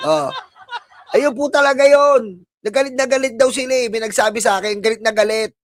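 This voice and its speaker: A political livestream commentator with a Filipino accent rants at his critics, mocking and sneering and laughing at his own jabs. His voice is very high-pitched and brisk, with a noisy background.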